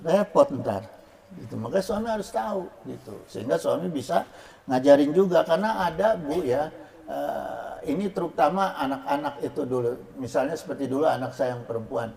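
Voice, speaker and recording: A man giving a relaxed, joking religious lecture to women, chanting Arabic phrases slowly. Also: fairly high pitch, vocal fry. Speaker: preacher.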